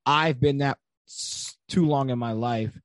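A man's voice: mid-range voice, measured pace, no room sound, studio quality. Earnest young man telling stories. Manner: earnest, storytelling with lots of "like" fillers. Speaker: podcast guest. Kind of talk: casual conversational interview.

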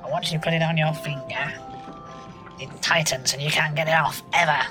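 A man's voice: on the high side, fairly even intonation, brisk, over music, pitched above the performer's own voice, close to an everyday voice. A man voicing a scheming, mischievous male elf from the North Pole in a comedy podcast sketch. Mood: sly. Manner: sly and mischievous, relishes sabotage.

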